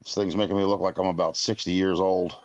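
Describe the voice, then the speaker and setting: Low-voiced blunt man in his fifties. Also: level tone, quick pace, darkish tone, no room sound, highs cut off. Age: 50s. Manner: rambling, blunt, peppered with mild cursing. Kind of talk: casual live-stream chat.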